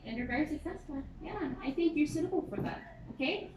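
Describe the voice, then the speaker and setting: A woman's voice: high voice, animated, fast, a little mellow. A woman in her thirties with a Filipino accent, interviewing someone in a casual, chatty and directive way. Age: 30s. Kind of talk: casual job interview chat. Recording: echoey noisy room.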